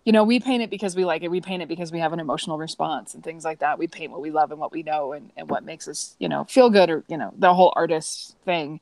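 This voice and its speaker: A woman with a fairly low voice chats casually as an artist, telling animated stories and jumping way up in pitch whenever she quotes someone. The sound is dry and close, with no room around it. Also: fast, vocal fry, hardly any pauses, no room sound. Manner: animated storyteller, rises high when quoting people. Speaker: artist, co-host. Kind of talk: casual chat.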